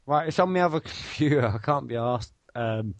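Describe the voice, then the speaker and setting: A man's voice: mid-range voice, lively intonation, moderate pace, dry recording. A man hosting a live video chat at his computer, rambling and swearing in casual banter.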